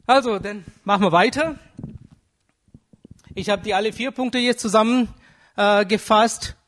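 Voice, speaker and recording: A man preaching a sermon in German with earnest, halting delivery, searching for words and asking his listeners direct questions. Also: high-pitched, a bit bright, a little hiss or hum. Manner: asks the congregation direct questions.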